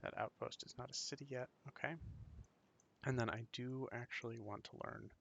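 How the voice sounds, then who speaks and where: A man with a bright, forward voice and a noticeably gravelly creak talks through a strategy game. His commentary is casual, as if he is musing to himself while he decides each step. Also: mid-range voice, steady tone, moderate pace, slight background noise. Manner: thinking aloud, musing to himself. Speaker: gaming video creator playing a strategy game.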